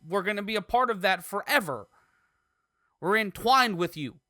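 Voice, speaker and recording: A man co-hosting a casual sports podcast, making his points animatedly with drawn-out emphasis and easy laughter. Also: high-pitched, animated, bright, forceful tone, dry recording, clean studio sound. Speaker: podcast co-host.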